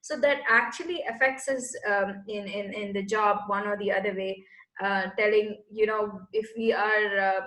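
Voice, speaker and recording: A woman with a medium-pitched, slightly bright voice and fairly even intonation talks at a normal pace. As a space entrepreneur from Bangalore, India, she's an interview guest casually and earnestly recounting her path while searching for words, with echo around her.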